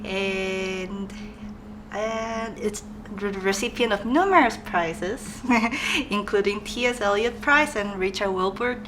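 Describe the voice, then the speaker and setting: A young woman conducts an oral history interview, politely introducing her guest and asking questions. She has a middle-pitched voice. Faint noise sits under the voice. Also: takes it slowly, poor audio. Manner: polite, with soft laughs. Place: conference room.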